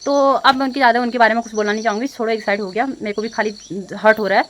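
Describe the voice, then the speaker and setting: A woman's voice: on the high side, fairly even intonation, racing, fairly bright tone, slight background noise. A young woman vlogger talking to her phone camera in a casual, upset way, rambling with many fillers and restarts. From India. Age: young adult. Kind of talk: casual emotional vlog talk to camera.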